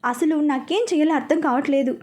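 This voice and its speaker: A woman reads as a doting father in a storybook tale. He speaks tenderly to his daughter in a high, mellow voice. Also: fairly quick, lightly acted. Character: doting middle-aged father.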